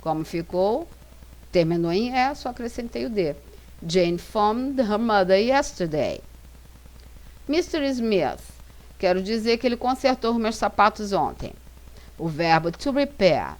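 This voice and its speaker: A Brazilian woman with a Brazilian Portuguese accent, an English teacher narrating a slide lesson and reading example sentences slowly and carefully. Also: mid-range voice, sing-song, darkish tone. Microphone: voice-over for slides.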